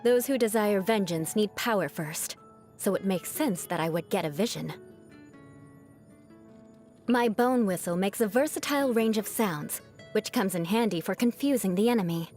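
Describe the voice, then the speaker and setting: A woman's voice: medium pitch, normal speed, a little mellow, soft background music, natural voice. Woman voicing Eula, a haughty aristocratic young knightess. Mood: proud, reflective. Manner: haughty, formal, crisply theatrical, teasing. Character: proud aristocratic young knightess, vengeful yet secretly caring. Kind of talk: scripted video game character voice lines.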